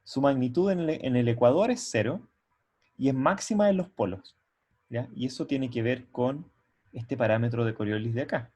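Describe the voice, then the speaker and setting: A male lecturer teaching a class over a video call, speaking into a computer microphone. His pitch sits in the middle of the male range. He talks his way through each idea, pauses to ask whether everyone is following, and restarts phrases as he goes. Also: a little mellow, breathy edge. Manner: explanatory, often checks in with "¿ya?"; halting, with frequent restarts. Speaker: university lecturer. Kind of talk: online university lecture. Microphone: computer mic on a video call.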